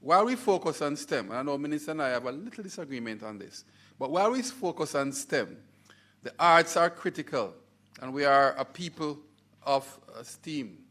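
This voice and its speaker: A man with a Jamaican accent, a college head giving a formal, emphatic ceremonial speech with stressed words and pauses. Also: on the high side, expressive, fairly bright tone. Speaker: university college head speaking at a scholarship launch.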